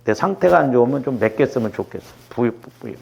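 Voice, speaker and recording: A man's voice: on the high side, big pitch swings, normal speed, gravelly, muffled recording. A middle-aged male pastor giving a conversational sermon, often checking in with the congregation. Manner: conversational preaching with rhetorical checks.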